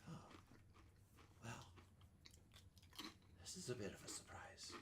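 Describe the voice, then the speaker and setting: Man putting on a raspy, whispery old hag. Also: noisy background, natural voice. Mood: coy, admiring. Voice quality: raspy, breathy half-whisper. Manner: old hag croon, slow and coaxing.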